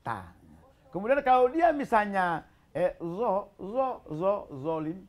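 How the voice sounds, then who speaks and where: A man's voice: high voice, lively intonation, slow pace. A man, a religious teacher, teaching Arabic letter pronunciation on a television program, drilling sounds aloud and joking with his learners. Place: television studio.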